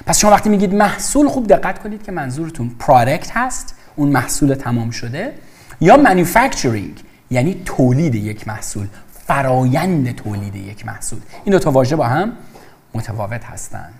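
A man's voice: medium pitch, big pitch swings, creaky. A man teaching English vocabulary in an explanatory lesson, emphatic and repeating words to drill pronunciation.

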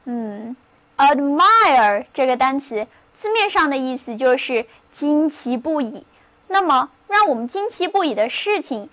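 A woman teaching English vocabulary in a recorded lesson, spelling words out slowly and drilling read-after-me practice. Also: sits high, a bit bright. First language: Chinese.

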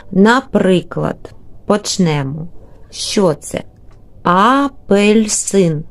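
A woman's voice: fairly low pitch, darkish tone. A woman teacher, giving an early reading lesson to young children and drawing out words syllable by syllable. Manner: slow, drawn-out syllable-by-syllable word modeling.

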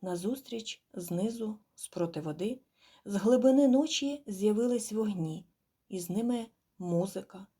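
A woman narrating an audiobook in a measured, quiet, expressive storytelling manner. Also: mid-range voice, slightly rough. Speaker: audiobook reader. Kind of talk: scripted narration.

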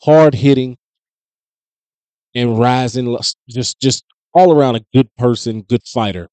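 A man in his thirties hosts a casual sports talk show from a small home studio. He speaks close into a studio mic, his voice dry with no room sound and pitched at a middle level for a man. His talk is loose and conversational, with plenty of fillers and restarts. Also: a little slow, mellow, no echo. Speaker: host. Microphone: studio mic on boom close to mouth.

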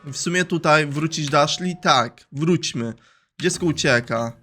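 A man commentating a video game playthrough, excitable, and swearing when something surprises him. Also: fairly high pitch, a little slow. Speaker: gaming streamer. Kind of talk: let's play commentary.

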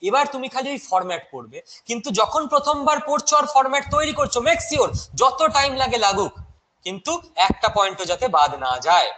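Bright-voiced Bengali teacher, live online class. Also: male voice, extremely high pitch, sing-song, a little fast, slight background noise, poor audio. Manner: chatty, mixes English terms, answers chat questions. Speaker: online exam-prep teacher.

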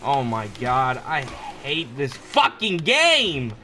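Loud swearing man gaming, wildly lively. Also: mid-range voice, slow, noisy background. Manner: loud, swearing, laughing often. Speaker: gamer playing co-op. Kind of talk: casual gameplay commentary.

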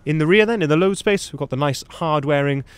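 Filmed from his own view on a handheld camera, a young sales manager walks around a van for sale on a chilly lot, cheerfully pointing out details. He talks fast and smoothly in a slightly high voice.

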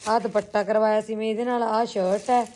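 A woman's voice: on the high side, steady tone, brisk, a little mellow. A woman with a Punjabi accent chatting casually and familiarly as a vlogger, to viewers and companions alike. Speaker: vlogger and boutique owner. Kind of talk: casual vlog chat.

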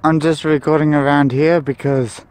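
A man's voice: fairly high pitch, little pitch movement, normal speed, darkish tone, clean tone. Jumpy man vlogging outdoors. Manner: jumpy, nervous exclamations. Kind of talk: ghost-hunting vlog, talking to camera. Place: outdoors near a tunnel and field.

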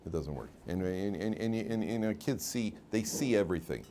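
A man's voice: fairly low pitch, expressive, a little fast, background noise. A man, a rabbi giving a weekly Torah class as an informal lecture full of stories, repeating words and laughing at his own tales.

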